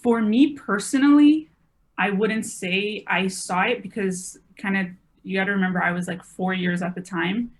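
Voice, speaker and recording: A woman's voice: mid-range voice, steady tone, normal speed. A woman in her twenties, a podcast guest, talking casually and rambling a little with lots of filler words. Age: 20s. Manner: chatty, rambling, many "like" fillers. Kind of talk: casual conversation.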